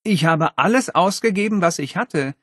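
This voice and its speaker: A prim, eager schoolboy who means every word, as a man voices him. He talks in a raised, husky voice with a lively lilt, close and dry for a storybook reading. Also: sits high, moderate pace, no room sound, voice pushed up. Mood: earnest. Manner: formal, over-earnest. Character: earnest, polite, eager schoolboy Niles.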